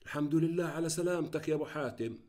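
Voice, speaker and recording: A man voicing a wary, hospitable middle-aged housewife in a raised, hushed voice. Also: a little high, rapid-fire, pitched above the performer's own voice, close to an everyday voice.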